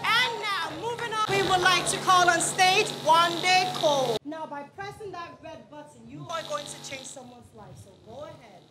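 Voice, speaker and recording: A woman's voice: very high-pitched, moderate pace, few pauses, music in the background. A woman, presenting as co-host of a live game show on stage. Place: large indoor stage before a seated audience. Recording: live stage with crowd noise.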